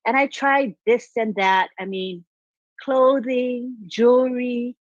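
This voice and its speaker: A woman's voice: fairly high pitch, steady tone, slow pace, no room sound. Older woman, from Hawaii, webinar guest, chatty, muffled lo-fi dry audio. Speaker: guest speaker. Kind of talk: personal testimony on a webinar.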